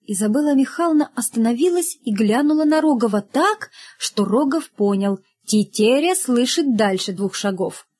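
A woman reads a children's story chapter aloud, lively and expressive, shaping each scene for the listener. Her voice sits somewhat high for a woman. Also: normal speed, few pauses, slightly rough. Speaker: narrator. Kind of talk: storybook reading.

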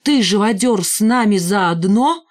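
Tough bossy schoolgirl, cold and scornful, lowish voice, as the reader puts her on. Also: steady tone, measured pace. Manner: cold and commanding.

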